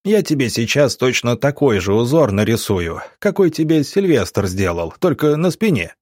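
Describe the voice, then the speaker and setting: A man doing a gruff hot-tempered officer. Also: mid-range voice, very animated, moderate pace, a little mellow, no room sound, studio quality, pitched above the performer's own voice. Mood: threatening. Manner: barking, threatening. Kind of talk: audiobook character voicing.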